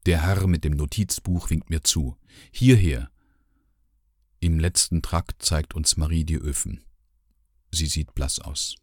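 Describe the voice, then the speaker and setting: A man narrating a literary audiobook in a measured, sombre first-person voice. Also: rumbling low, steady tone, no echo, clean studio sound.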